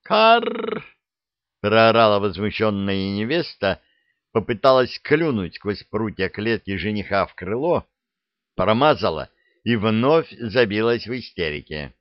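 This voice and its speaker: A man narrating a comic fairy-tale audiobook in a lively, expressive storytelling manner. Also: lowish voice, a little slow, dry recording, highs cut off.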